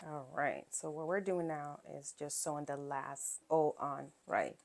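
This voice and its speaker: A woman with a somewhat low voice talks through a quilting project step by step. Her delivery is loose and chatty, full of fillers and quick check-ins with the viewer. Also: vocal fry, darkish tone. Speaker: quilting channel host. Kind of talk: casual sewing tutorial.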